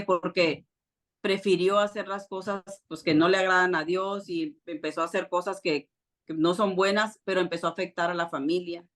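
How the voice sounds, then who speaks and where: A woman's voice: fairly low pitch, a bit bright. A woman with grown children giving an earnest church teaching, sharing personal testimony with frequent fillers and restarts. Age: adult with children. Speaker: preacher.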